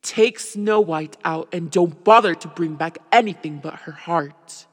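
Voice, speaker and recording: A woman's voice: fairly low pitch, measured pace, long reverb tail, voice pushed down. Woman doing a haughty wicked queen. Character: wicked vain adult queen, jealous and cruel. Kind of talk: storybook reading.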